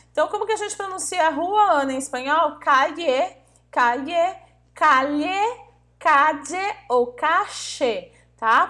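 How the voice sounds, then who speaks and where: Woman, high voice, patient language teacher who repeats and checks in with students. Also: a bit bright. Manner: patient, repeats words slowly, checks in with "tá?" and "vale?". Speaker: Spanish teacher. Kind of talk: online language lesson.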